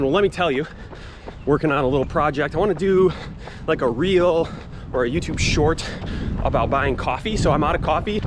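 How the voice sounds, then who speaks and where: Man vlogging while jogging, noisy street. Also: mid-range voice. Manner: self-deprecating, joking. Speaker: running vlog host. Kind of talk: casual vlog chat to camera. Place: outdoors on suburban streets and paths. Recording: noisy outdoor street recording with traffic.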